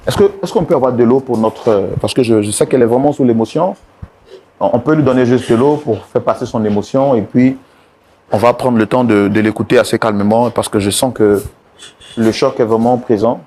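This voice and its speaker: Man, mediator host, patient, calming, repeats soft commands. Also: medium pitch, a little fast. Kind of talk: mediating a couple's dispute.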